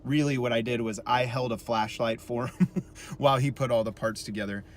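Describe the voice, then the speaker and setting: A man in his thirties telling a self-deprecating story in a casual vlog, chatty and animated when he quotes people. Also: mid-range voice, fairly quick, a little hiss or hum. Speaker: musician vlogger.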